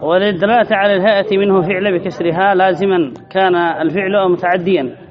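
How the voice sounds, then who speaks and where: A man's voice: high voice, fairly even intonation, fast, crowd noise. A man teaching a grammar lesson, reading a line then explaining it, repeating phrases and asking his listeners questions. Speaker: sheikh teaching Arabic grammar. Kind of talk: classroom lesson explaining a text. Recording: dull lo-fi recording with audience noise.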